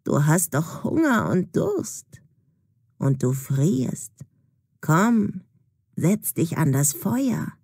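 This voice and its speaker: A woman voicing a hunched, nearly toothless old woman in a storybook, speaking slowly in a low, drawn-out voice. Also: sing-song, dark tone, husky, no room sound, studio quality, exaggerated voice. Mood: coaxing.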